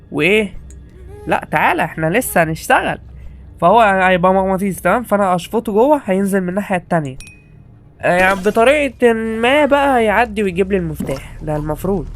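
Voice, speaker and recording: A young man with an Egyptian accent giving joking commentary while playing a horror game, teasing the characters on screen and exclaiming as he goes. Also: sits high. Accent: Egyptian Arabic. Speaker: gaming YouTuber.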